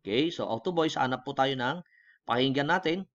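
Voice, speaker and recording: A man with a Filipino accent talking through a software tutorial in a casual way, switching between Tagalog and English and often checking in with the viewer. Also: medium pitch, a little fast, lo-fi sound. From Philippines. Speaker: online tutorial host. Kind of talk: screen-recorded software tutorial.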